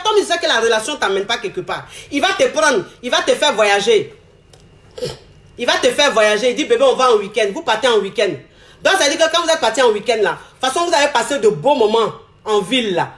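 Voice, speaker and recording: High-voiced woman giving frank, repetitive advice. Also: echoey room. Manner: expressive, repeats phrases, acts out quoted lines. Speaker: advice speaker. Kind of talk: frank relationship advice monologue.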